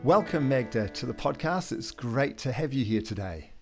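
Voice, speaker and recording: A man's voice: medium pitch, expressive, normal speed, husky, faint music behind. A man hosting a podcast, reading a scripted introduction, then interviewing a guest in an easy, conversational way. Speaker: podcast host.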